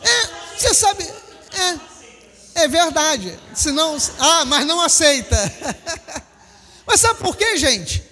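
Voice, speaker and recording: A man with a Brazilian Portuguese accent, a pastor preaching a sermon and telling lively stories to his congregation. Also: very high-pitched, slow, pauses often. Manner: storytelling, animated, acts out quotes, laughs with congregation. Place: church hall. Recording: long hall reverb.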